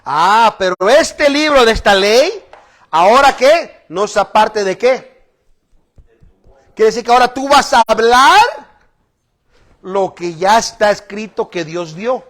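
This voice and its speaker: High-voiced bilingual preacher man. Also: takes it slowly, pauses often. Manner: switches between Spanish and English, animated with laughs. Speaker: bishop preaching. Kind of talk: bilingual sermon.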